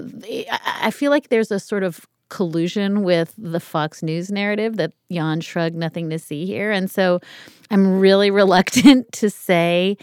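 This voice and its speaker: A woman's voice: fairly low pitch, dry recording, clean studio sound. A woman giving casual, emphatic and wry podcast commentary as a legal reporter.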